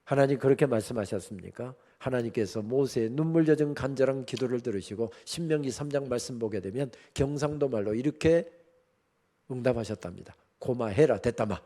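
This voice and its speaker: A man's voice: mid-range voice, a little fast, dark tone. A man giving a sermon as guest preacher at a revival meeting, telling the story with humorous asides to the congregation. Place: church sanctuary.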